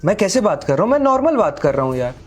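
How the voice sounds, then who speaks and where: A man's voice: high voice, big pitch swings, rapid-fire, faint music behind. A young man acting a scornful, lecturing rich boyfriend in a dramatic short film. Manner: scornful, lecturing, raises voice in arguments. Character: arrogant wealthy young man, contemptuous and moralizing. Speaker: actor playing Sahil, a rich boyfriend.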